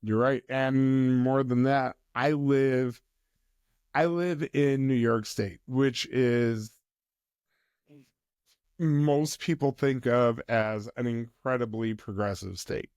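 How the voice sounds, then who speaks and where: A man speaking as a mental health counsellor guest on a podcast, explaining in a measured way. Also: mid-range voice, steady tone, darkish tone, smooth, dry recording, clean studio sound. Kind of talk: podcast interview conversation.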